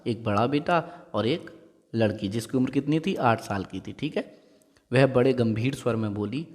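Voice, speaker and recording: A man's voice: medium pitch, darkish tone. Man teaching a story lesson, reverberant room. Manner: repeats and explains each line, asks quick checking questions. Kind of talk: explaining and reading a Hindi story lesson. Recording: long hall-like reverb.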